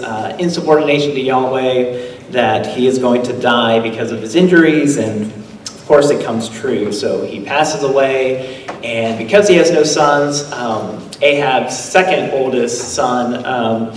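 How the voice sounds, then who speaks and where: A male pastor teaching the Bible in a relaxed, casual way, retelling the stories in everyday speech with many fillers. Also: mid-range voice, measured pace, a little hiss or hum. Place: church hall. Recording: echoey hall, voice from far off.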